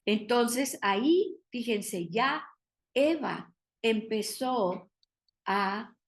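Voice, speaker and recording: Maestra de estudio bíblico, mujer con acento mexicano, habla pausada y hace preguntas al grupo. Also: female voice, on the high side, animated. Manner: explains patiently, asks the group questions. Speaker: Bible study teacher. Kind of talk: Bible study teaching.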